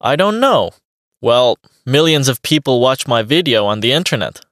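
A man voices a friendly young male beatboxer being interviewed by a radio host, answering in a mid-range, slightly bright, sing-song voice at normal speed. His delivery is plain and evenly paced like a scripted language-course dialogue, and the sound is dry and close with no echo or room around it.

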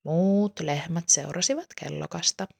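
A woman reading a children's story aloud in a calm, unhurried way. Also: fairly low pitch, gravelly, slightly rough.

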